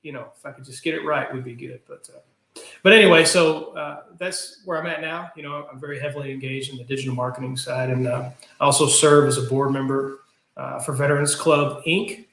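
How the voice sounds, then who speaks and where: A man's voice: medium pitch, steady tone, brisk, a bit bright. A middle-aged man with an Appalachian accent, chatting casually as an interview guest. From Kentucky, US. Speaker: podcast guest, business owner. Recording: echoey room.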